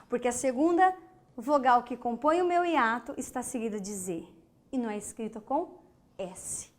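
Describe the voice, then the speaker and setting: A woman from Brazil teaching an online grammar lesson, speaking emphatically, asking questions and answering them herself, and spelling words out syllable by syllable. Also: high-pitched. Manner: slow, emphatic, asks and answers her own questions.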